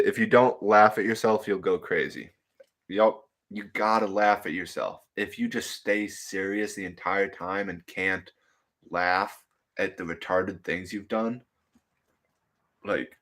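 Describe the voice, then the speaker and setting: During a laid-back livestream, a young man in his twenties reads chat messages aloud, rambling, laughing frequently and leaning on fillers. He has a deep yet bright voice with a forceful tone.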